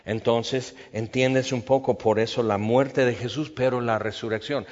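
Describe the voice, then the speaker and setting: A man preaching an expository Bible sermon, teaching in a measured way and slowing down to stress his points. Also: medium pitch, fairly even intonation, a little mellow. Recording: long reverb, dull lo-fi sound.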